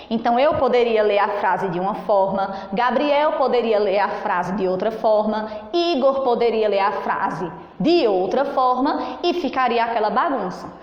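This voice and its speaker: A Brazilian woman teaching a children's lesson on punctuation, speaking slowly and in a singsong way for young pupils. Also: sits high. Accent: Brazilian Portuguese. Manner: slow and singsong, stretching words for young pupils. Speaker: primary school teacher. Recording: echoey room with long reverb.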